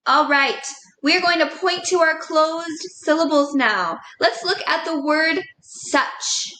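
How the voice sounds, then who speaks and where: High bright teacher lady, slow and encouraging, echoey room, faint rumble. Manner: slow, encouraging, spells words letter by letter. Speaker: second grade teacher. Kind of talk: recorded classroom lesson.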